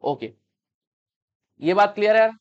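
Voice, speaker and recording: High-voiced patient male teacher. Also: animated, unhurried, highs cut off. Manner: explains patiently, repeats steps, checks understanding. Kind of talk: classroom math lesson. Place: classroom.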